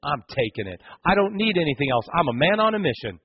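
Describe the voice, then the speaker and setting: A man's voice: very animated, fast talker, slightly rough, dry recording, highs cut off. [name], a man playing a fierce old warrior. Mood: resolute. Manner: low, quiet, determined declarations.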